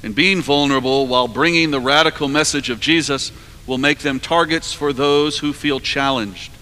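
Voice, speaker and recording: A man in his forties preaching a sermon from a cathedral lectern, measured and earnest, his phrases trailing off softly at the ends. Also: mid-range voice. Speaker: priest preaching. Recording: long cathedral reverb.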